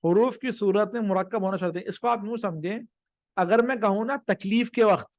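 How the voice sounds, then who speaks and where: A man with a fairly high voice teaching a live grammar lesson. He explains patiently, drawing out definitions word by word and checking that his listeners follow. The sound is dry and close. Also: no echo. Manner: slows to stress each word of definitions.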